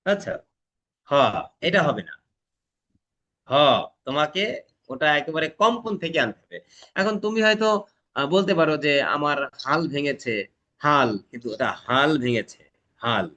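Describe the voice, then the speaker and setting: A man's voice: fairly high pitch, big pitch swings, moderate pace, pauses often. Bangladeshi-class teacher, man, emphatic lecture. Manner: demonstrates pronunciation with loud emphatic stresses; questioning students often.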